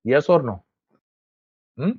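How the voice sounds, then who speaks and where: A teacher educator with a Gujarati Indian English accent gives a classroom lecture, slow and mellow in a mid-range voice with a breathy edge and lively intonation. He keeps asking questions to make sure listeners follow, and the recording is dull, lo-fi and dry.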